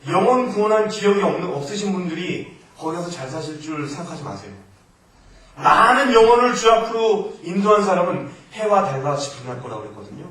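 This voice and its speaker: A male missionary preaching a sermon in Korean to a congregation, alternating loud emphatic exhortation with quieter asides. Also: high-pitched, big pitch swings, fairly quick. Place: church sanctuary. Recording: echoey church hall from far off, faint noise.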